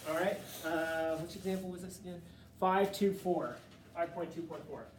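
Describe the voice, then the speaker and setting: A male math tutor with a slightly high voice and fairly even intonation leads a classroom session at a moderate pace, joking and coaxing students through each step. He's recorded from far off in an echoey room, with slight background noise.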